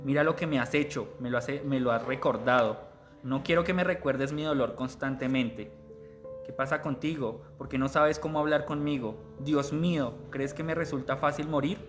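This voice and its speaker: A man reading aloud the lines of a bitter, sick older mother who lashes out, in a slow, plain reading voice. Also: mid-range voice, fairly even intonation, faint music behind, close to an everyday voice. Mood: bitter lament.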